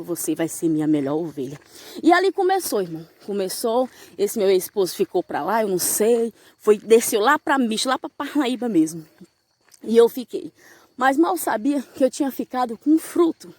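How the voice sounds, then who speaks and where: A woman's voice: a little high, darkish tone, no room sound. A young woman giving a fervent evangelical testimony, telling her story and calling the listener "brother". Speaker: church member giving a testimony.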